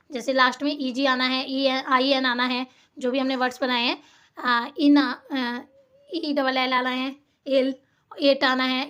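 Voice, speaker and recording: High-voiced woman teacher reading slowly. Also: fairly bright tone. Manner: slow, drawn-out reading of spellings, asks and answers her own questions. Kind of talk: classroom lesson explaining a worksheet.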